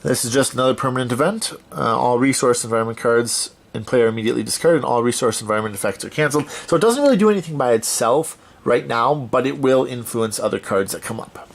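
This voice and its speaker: A man's voice: medium pitch, fast, gravelly, hardly any pauses. A man hosting a let's-play of a solo card game, thinking aloud as he reads out card text and corrects himself as he goes.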